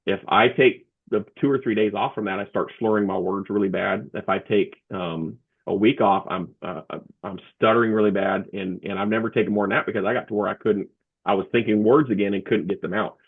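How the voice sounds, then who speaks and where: A man talking as an interview guest, a comedian and motivational speaker, telling his story in a halting way with many restarts over a remote call. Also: fairly low pitch, fairly even intonation, breathy edge. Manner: halting, with frequent restarts and fillers. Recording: tinny phone-like remote line.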